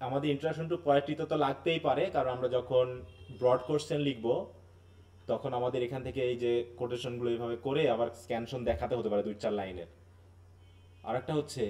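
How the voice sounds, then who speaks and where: Teacher explaining with frequent check-ins. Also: male voice, mid-range voice, a little mellow, distant mic. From Bangladesh. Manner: explanatory, often checks understanding with tag questions; mixes in English terms and phrases. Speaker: English literature teacher. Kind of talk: live online class lecture.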